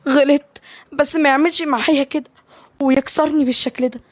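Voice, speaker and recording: Young mother, Egyptian Arabic accent, strong-willed, raised pitch, woman reader. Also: fairly even intonation, fast talker, darkish tone, husky, no echo. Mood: bitter.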